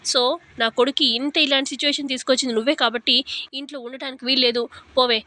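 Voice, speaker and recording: A woman voicing a stern, sharp-tongued middle-aged mother-in-law who gives orders. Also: high-pitched, steady tone. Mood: harsh. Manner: sharp, commanding, quick-tempered.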